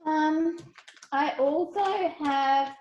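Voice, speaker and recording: A middle-aged woman, co-host of a craft video blog, chats casually in show-and-tell style from home over a video call. Her voice is high-pitched and steady in tone, very slow, and the sound is lo-fi.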